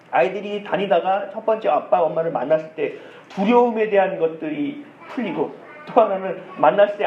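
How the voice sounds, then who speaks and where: 한국인 남자 목사가 가족 이야기와 흉내를 섞어 설교하는 목소리, 울림이 큰 교회 녹음. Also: male voice, sits high. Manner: storytelling with acted quotes and soft laughs. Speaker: pastor. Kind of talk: sermon. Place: church sanctuary. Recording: dull echoey church sound with faint hiss.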